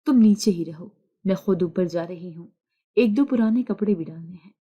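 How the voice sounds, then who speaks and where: A woman's voice: fairly low pitch, slightly rough, dull audio. Woman voicing a spiteful scheming mother-in-law. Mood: commanding. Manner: scolding, taunting.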